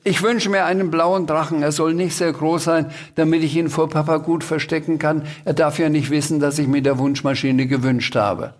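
A man's voice: medium pitch, a little slow. A man voicing a cheeky, impatient, childlike creature in a brash, raised voice, for a children's story read aloud.

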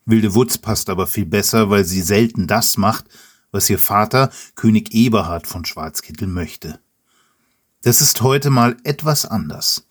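A man hosting and reading a children's story aloud, talking directly and warmly to the listener. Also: on the low side, unhurried. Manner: friendly, direct address to the listener. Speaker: host and storyteller.

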